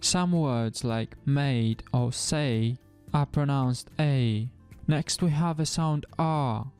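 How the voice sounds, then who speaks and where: Slow, clear-voiced man teaching pronunciation. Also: mid-range voice, a little mellow, faint music behind. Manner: demonstrates sounds slowly and deliberately. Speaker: language teacher. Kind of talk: pronunciation lesson.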